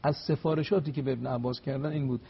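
A man, a religious scholar on a talk show, telling religious history in an emphatic, storytelling way, slowing to recite Arabic phrases. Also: mid-range voice, fairly even intonation, gravelly, breathy edge, muffled recording. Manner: emphatic, rising to stressed peaks, slows to recite Arabic.

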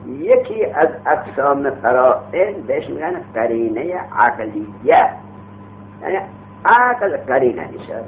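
A man's voice: mid-range voice, sing-song. A man teaching a grammar lesson. He explains by asking questions and answering them himself, and uses everyday street examples. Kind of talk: classroom lecture on a grammar text. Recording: tinny phone-like audio with faint hum.

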